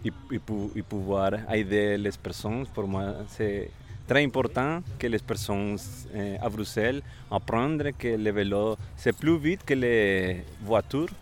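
A man with a fairly low voice and a Colombian Spanish accent answers interview questions in non-native French. He speaks slowly and haltingly, often searching for the right word in his foreign-accented delivery. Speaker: volunteer bike mechanic.

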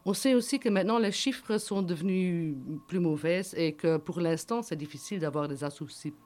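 A German-born woman speaks French as a guest and the wife of a prisoner, giving earnest testimony. Her voice sits fairly low and is a little mellow, moving at a normal speed. She often gropes for words and repeats herself.

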